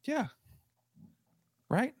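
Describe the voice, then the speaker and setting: A man's voice: extremely slow, darkish tone, no echo, studio quality. A man of forty co-hosting a sports podcast, chatting casually and reacting live while he watches a game. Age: 40s. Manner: rambling, self-correcting, watching and reacting live. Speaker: podcast co-host.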